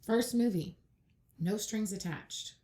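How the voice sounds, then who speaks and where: A woman's voice: mid-range voice, takes it slowly, dark tone. A woman co-hosting a casual podcast, chatty and enthusiastic, laughing often. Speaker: podcast co-host. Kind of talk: casual chat.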